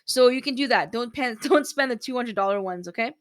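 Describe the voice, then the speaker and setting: A woman vlogger casually explains rules step by step in a chatty style, going through each point in turn. Her voice is fairly high and fairly quick, with no echo.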